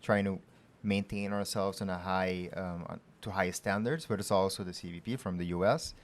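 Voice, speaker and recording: A man's voice: deep voice, fairly even intonation, moderate pace. A man hosting a conversational interview. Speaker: podcast host.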